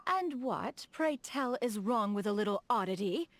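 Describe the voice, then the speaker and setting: In video game dialogue, an actress gives voice to a refined, dignified immortal woman who is a proud inventor. Her slightly high, expressive voice moves at a moderate pace, sounding eager and proud, and she speaks formally and stately, calling herself "one."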